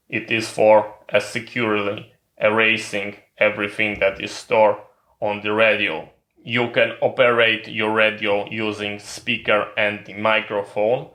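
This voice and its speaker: A tutorial presenter with a fairly low, pushed and bright voice walks through hands-on equipment use step by step. He is methodical and instructional, and his English has non-native phrasing. The recording sounds roomy and echoey.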